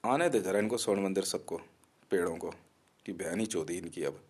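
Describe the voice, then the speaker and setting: A man's voice: low-pitched, normal speed. A man delivering a threatening, abusive rant to the camera in an aggressive, mocking manner.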